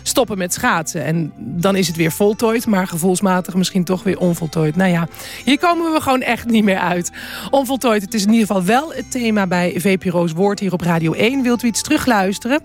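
A woman's voice: mid-range voice, lively intonation, fairly quick, soft background music. A woman hosting a radio program, chatty and wry, reading out contact details. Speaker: radio host. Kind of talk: radio presenting.

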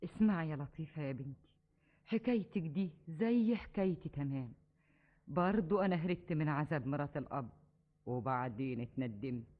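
A woman's voice: low voice, animated, fairly quick. An Egyptian actress playing an older wife who is broken by regret and pleads to save a young girl. She speaks in an Egyptian Arabic accent. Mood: weary pleading. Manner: weary and pleading. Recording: dull old radio recording.

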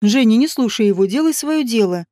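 A woman's voice: fairly high pitch, animated, a little fast, warm tone, no echo, clean studio sound, lightly acted. A woman voicing a stern man who takes charge and gives curt orders. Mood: commanding. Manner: curt, commanding.

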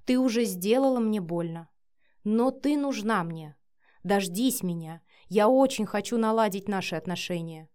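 A woman's voice: medium pitch, lively intonation, moderate pace, dark tone, clean tone, lightly acted. A woman reading the lines of a short-tempered, domineering man who growls, swears and gives orders, in an audiobook. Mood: sad.

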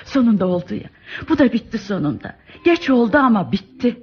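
A woman's voice: a little high, very animated, brisk, breathy edge, heavily acted. An actress playing a lonely, doting older woman in an old radio drama, sweet and coaxing. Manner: doting, chatty, calls him "my child". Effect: old radio show recording. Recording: dull old radio recording, faint music.

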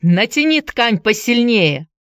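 A woman voicing a desperate young man who shouts urgent commands in a storybook reading. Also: on the high side, sing-song, slow, no room sound, studio quality, voice pushed up, exaggerated voice. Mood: urgent shouting.

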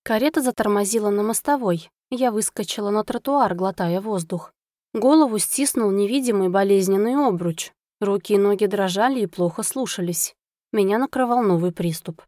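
Expressive woman narrating a fantasy audiobook. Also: mid-range voice, moderate pace, dry recording, studio quality. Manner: expressive first-person storytelling.

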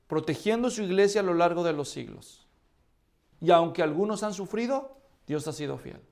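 A man teaching a church history class, asking his students questions and checking in with them often. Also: high voice. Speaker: Bible teacher.

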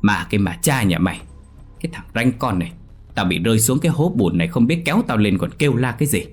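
A man voicing a gruff old grandfather who digs up graves, bossy and cursing, in a spoken ghost story. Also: lowish voice, expressive, quick pace, faint music behind. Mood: scolding. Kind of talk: audiobook character voice.

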